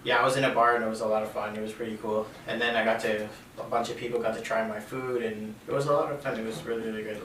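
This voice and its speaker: A man, a chef and caterer from Canada, talking casually in an interview, relaxed, with many fillers and repeated phrases. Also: on the low side, quick pace, few pauses. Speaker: interview guest. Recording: roomy, distant from mic, faint noise.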